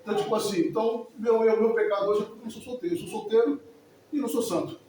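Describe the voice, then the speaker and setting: A man's voice: high-pitched, very fast, mellow. A man in his forties giving an emotional, rambling testimony in church, often repeating himself. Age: 40s. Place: church hall. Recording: echoey hall from far off, faint noise.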